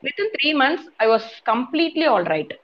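Female interview guest, Tamil accent, rapid conversational delivery, slightly dull lo-fi recording. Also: high voice, big pitch swings. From Madurai, Tamil Nadu, India. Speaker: guest, homeopathy doctor.

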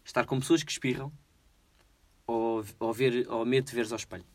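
Playful Portuguese quiz host, dry sound. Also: male voice, mid-range voice, fairly even intonation, a little mellow, dry recording. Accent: European Portuguese. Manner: playful, jokey, slow over hard words. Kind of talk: casual podcast quiz.

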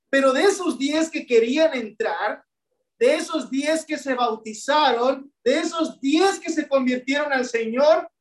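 A woman preacher delivering a sermon, often putting rhetorical questions to the congregation and addressing them as brethren. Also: high-pitched. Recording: echoey room, voice from a distance.

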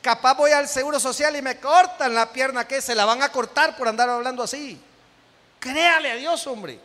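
A man's voice: extremely high pitch, moderate pace, sharp tone. A man with a Salvadoran accent preaching a sermon as pastor, joking with the congregation, acting out everyday scenes and calling out to them. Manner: calls out to the congregation. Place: church hall. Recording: echoey hall with long reverb.

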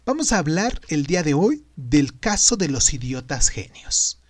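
Guy narrating a scripted story, really lively and dramatic, dry close sound. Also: a little high, unhurried, no echo. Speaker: podcast host and narrator.

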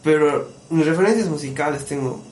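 A man talks in a casual podcast chat, animated and storytelling, his voice sitting a little higher than most men's. The room around him rings with echo, and a faint hiss runs underneath. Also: brisk. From Bolivia. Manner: animated storyteller, often calls the listener "brother". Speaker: musician and producer, podcast guest. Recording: echoey room with faint background noise.

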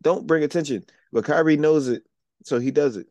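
A man's voice: fairly high pitch, fairly quick, darkish tone, dry recording. A man co-hosting a casual podcast, talking bluntly and with a lot of swearing, and often taking the devil's advocate side. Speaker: podcast co-host. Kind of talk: casual chat.

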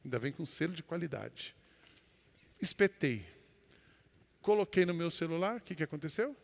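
Brazilian pastor guy preaching, kinda high voice, big echoey hall, goes loud then quiet. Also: expressive, moderate pace, creaky. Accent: Brazilian Portuguese. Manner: storytelling, swings between loud exclamations and quiet asides. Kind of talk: sermon. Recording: long hall reverb.

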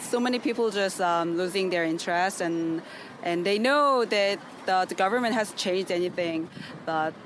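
A person with a Korean accent, speaking English as a second language, answering a street interview hesitantly. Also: medium pitch. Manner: hesitant, many fillers and restarts. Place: city street outdoors. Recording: street traffic noise.

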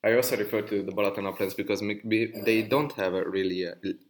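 A man's voice: lowish voice, steady tone, fast talker. A man from Hungary who works as a sommelier, talking casually and rambling with many restarts. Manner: rambling, restarts often, asks for agreement. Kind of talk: casual conversation.

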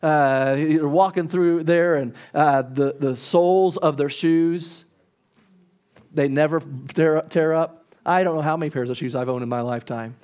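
High-voiced preacher in his thirties. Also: clean tone. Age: 30s. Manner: animated storytelling, acts out crowd complaints; halting restarts and repeated words. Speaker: pastor. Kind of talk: sermon.

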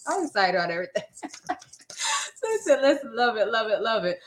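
A woman's voice: on the high side, very animated, normal speed. A woman business coach co-hosting a casual chat, enthusiastic and affirming.

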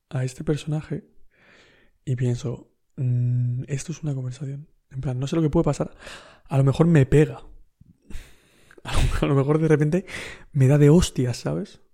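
A man's voice: medium pitch, mellow. A man with a Spain Spanish accent, telling a story in a casual, rambling podcast monologue full of slang and fillers. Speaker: podcast host.

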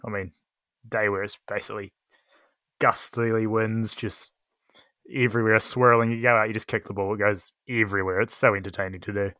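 A young man co-hosting a casual podcast, easygoing and quick to laugh. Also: fairly low pitch, no room sound. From New Zealand. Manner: relaxed, easygoing, laughs often. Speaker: podcast co-host. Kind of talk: casual chat.

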